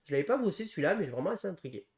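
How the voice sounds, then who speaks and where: A man co-hosting a casual board game preview, talking through game rules with frequent pauses and restarts. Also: fairly high pitch, big pitch swings, a little mellow. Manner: hesitant, full of pauses and restarts while explaining rules. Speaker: board game channel co-host.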